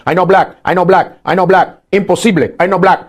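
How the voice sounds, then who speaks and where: A comedian playing an insistent Dominican man who denies his blackness, in a high, emphatic voice. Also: steady tone, quick pace, lo-fi sound. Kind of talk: stand-up comedy bit.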